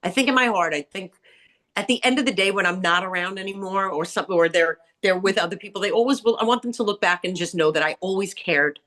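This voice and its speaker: A middle-aged woman with a raspy, grating, nasal voice, talking bluntly and candidly as an interview guest, acting out what people said. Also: medium pitch, fast talker. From New York area. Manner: blunt, animated storyteller who acts out quotes. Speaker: interview guest, salon owner and author.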